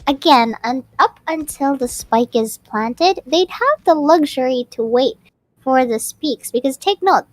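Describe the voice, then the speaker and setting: A woman shoutcasting a live esports match, giving quick, animated play-by-play calls with frequent restarts. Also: high voice, no room sound. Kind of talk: live play-by-play game commentary.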